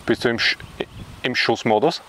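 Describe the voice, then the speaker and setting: A man's voice: medium pitch, normal speed, a little hiss or hum. A man chatting casually while fishing at a pond outdoors, recorded from a distance. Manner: relaxed, chatty banter. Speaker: angler presenting a fishing video.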